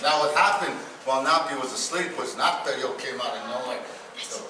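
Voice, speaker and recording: A man's voice: medium pitch, fairly quick. Playful male storyteller in an echoey room. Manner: playful, addresses listeners, asks "right?". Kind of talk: oral storytelling to children. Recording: echoey room, from far off, noisy.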